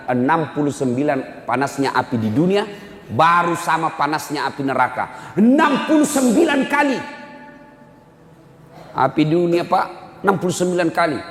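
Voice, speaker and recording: Brief: middle-aged male preacher, emphatic and teasing, a bit high-voiced, long hall reverb. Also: a bit bright. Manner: emphatic, teasing, directly addresses listeners. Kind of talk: lively sermon with storytelling.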